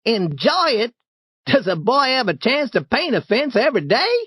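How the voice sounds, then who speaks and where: Man doing a sly high-voiced boy. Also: big pitch swings, moderate pace, pushed and bright, slightly rough, dry recording, studio quality, exaggerated voice. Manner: coaxing, boastful. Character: clever young boy painting a fence.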